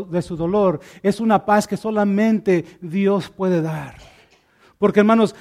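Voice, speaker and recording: A man's voice: sits high, a little mellow. A man preaching a sermon in a conversational, earnest way, acting out small dialogues and repeating key words. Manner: conversational, acts out little dialogues.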